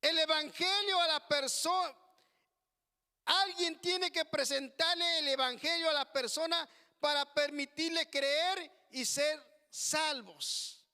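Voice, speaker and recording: Slow high-voiced man preaching, echoing hall. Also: steady tone, sharp tone. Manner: slow, drawn-out preaching with frequent "hermano" asides. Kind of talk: sermon. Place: church hall.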